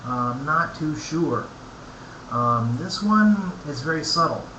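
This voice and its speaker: A man giving a casual, unscripted review, speaking haltingly and thoughtfully in short phrases with pauses between them. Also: a little high, lively intonation, pushed and bright. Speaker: pipe tobacco reviewer. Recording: echoey room, clear background noise.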